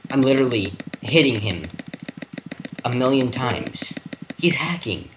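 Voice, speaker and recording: A man's voice: mid-range voice, lively intonation, measured pace, noisy background. A man chatting and teasing a friend during a game, getting frustrated. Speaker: gamer. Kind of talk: casual gaming chat.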